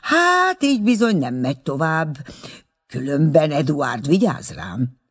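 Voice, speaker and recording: Male reader as bashful young doctor, earnest, husky tone. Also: on the high side, very animated, fairly bright tone, full character voice. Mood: eager.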